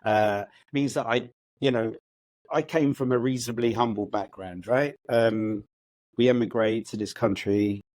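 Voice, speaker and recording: He speaks in a steady, slightly mellow mid-range voice, a little slow, with no room sound. Raised in the UK and in his fifties, this housing chief executive reflects cheerfully in a podcast interview, often stalling and starting sentences over.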